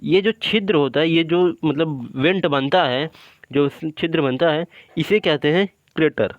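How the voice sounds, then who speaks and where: A man's voice: fairly high pitch, a little slow, dry recording, lo-fi sound. A male teacher giving an exam-prep lecture, drilling terms with repeated questions and answers and saying "ठीक है" after almost every point while he explains a drawing step by step.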